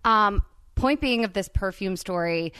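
A woman's voice: medium pitch, lively intonation, measured pace, sharp tone, smooth, no room sound, clean studio sound. A woman podcast host with a Jersey-tinged Valley Girl accent, chatting casually in a giggly, candid, slangy way. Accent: Jersey mixed with Valley Girl. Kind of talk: casual chat.

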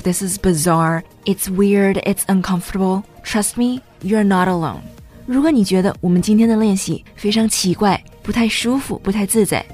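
Patient woman teacher narrating a lesson in a mid-pitched voice over faint music. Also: a little mellow. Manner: patient, explains step by step. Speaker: English teacher. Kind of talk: scripted bilingual narration.

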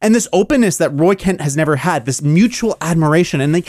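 A man's voice: a little high, lively intonation, fast, a little mellow, no room sound, clean studio sound. A man co-hosting a podcast, ranting about a TV show with a lot of swearing. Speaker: podcast co-host. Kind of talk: casual podcast chat.

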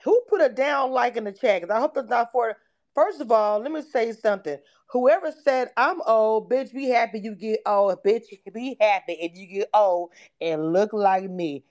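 A woman in her forties hosts a live audio chat with a slightly high voice. She is blunt, bossy and profane, cutting people off to take charge. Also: moderate pace, a little mellow. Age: 40s. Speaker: host.

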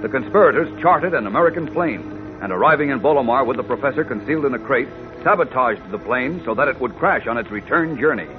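A man narrating a 1940s radio serial as its announcer, in a dramatic, scripted style. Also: medium pitch. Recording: tinny old radio recording.

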